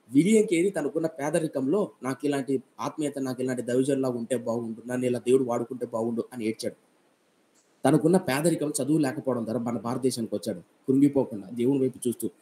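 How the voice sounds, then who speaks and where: A man preacher tells a story in a sermon, animated and mixing in English words. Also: medium pitch, a little hiss or hum. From Kadapa region, India.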